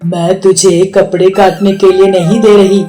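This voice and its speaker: A stern older mother-in-law in a cartoon story, firm and scolding, speaking in a slow, measured way, voiced by a woman narrator. Soft music plays faintly underneath. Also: mid-range voice, little pitch movement, voice pushed down, natural voice.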